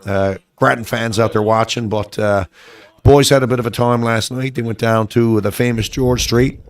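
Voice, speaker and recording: A man commentating a curling match, chatting in a relaxed way with many fillers. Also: medium pitch, normal speed. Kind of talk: sports commentary.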